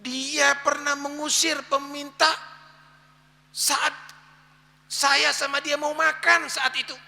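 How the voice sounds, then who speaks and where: A tearful, shaken wife put on by a man in a raised, pleading voice. The tone is bright and pinched. The long hall reverb trails behind each phrase. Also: very high voice, little pitch movement, slow, gravelly, voice pushed up, full character voice.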